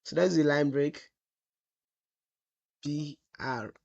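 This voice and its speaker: A fairly high, slow, gravelly and slightly mellow male voice, with the top end cut off. He teaches web development in a screen-recorded tutorial, asking the class rhetorical "what?" questions and answering them himself. While typing, he drawls out the example text.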